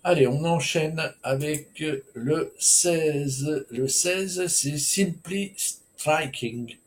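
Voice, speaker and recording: A man's voice: a little high, extremely slow. A man giving a solo horse racing preview, talking in a hesitant, chatty way with frequent filler sounds and restarts. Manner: informal, chatty asides.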